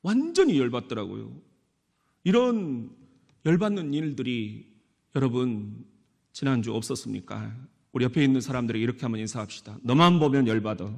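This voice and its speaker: A man preaching a sermon as pastor of a church, speaking in an animated way and often asking his congregation questions. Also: medium pitch, normal speed, creaky. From Korea. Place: church sanctuary. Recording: echoey church hall.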